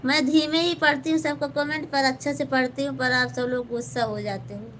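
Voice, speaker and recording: A woman's voice: high voice, steady tone, moderate pace, fairly bright tone, a little hiss or hum. A woman with an Awadhi-tinged Hindi accent hosting a casual live stream from her home kitchen, politely chatting and thanking viewers by name, recorded on a phone.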